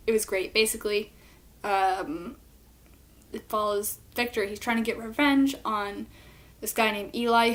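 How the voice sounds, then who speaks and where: A woman's voice: on the high side, a bit bright. A woman giving a casual book review, speaking informally and hesitantly as she searches for words.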